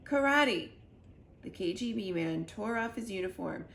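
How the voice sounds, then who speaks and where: As a library storyteller, a woman reads a children's story aloud with expression in a medium-pitched voice at normal speed. The room gives a roomy echo, and background noise is clearly audible.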